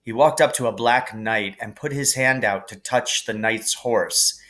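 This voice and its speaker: With a voice in the middle range, a man who teaches is reading a storybook aloud. His narration is expressive, paced in a careful, deliberate storytelling style.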